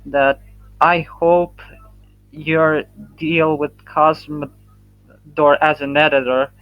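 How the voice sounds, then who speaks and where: A man's voice: a little high, little pitch movement, drawn-out words, clear, resonant tone, no echo. A man on a voice call who stutters and sighs, struggling to explain himself over a dull lo-fi mic. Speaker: guest. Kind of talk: casual voice call.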